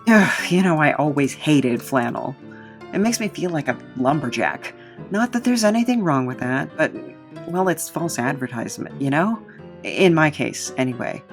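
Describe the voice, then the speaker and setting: In an audio drama with soft background music, a woman plays a quirky, self-loathing drifter, her delivery rambling, sardonic and conversational. Her voice is deep and sing-song at a moderate pace, and the acting feels naturalistic.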